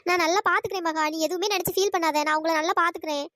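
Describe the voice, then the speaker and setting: A woman voicing a caring young sister in a cartoon story, who reassures and gently scolds. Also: very high voice, fairly even intonation, racing, no room sound, studio quality. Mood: soothing.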